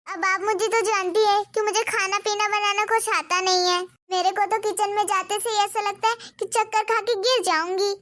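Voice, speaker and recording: A woman's voice: extremely high pitch, fairly even intonation, moderate pace, few pauses, a bit bright. A woman voicing a spoiled, scheming young wife in a Hindi cartoon, bossy and boastful.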